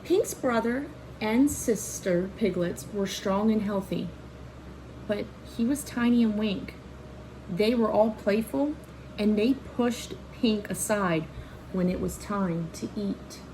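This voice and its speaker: A woman with a mid-range voice reads a children's picture book aloud slowly, with background noise present. Like a teacher and storyteller, she reads expressively in a child-directed manner, adding asides to point things out and ask questions.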